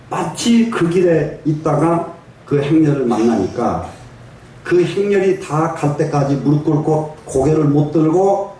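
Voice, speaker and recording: An older male monk tells folksy stories in a fairly high voice, now and then prodding the audience for a reply. He is picked up from a distance in a very echoey hall, with a faint hiss underneath. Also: warm tone. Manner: folksy storytelling, asks the audience for replies and chuckles. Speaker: Buddhist monk giving a dharma talk. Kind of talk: sermon. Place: large echoing meditation hall.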